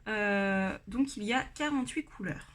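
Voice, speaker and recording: A French woman giving a casual review of colored pencils, pausing often with fillers and restarting her sentences. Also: mid-range voice. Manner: hesitant, many fillers and restarts. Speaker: art supply reviewer.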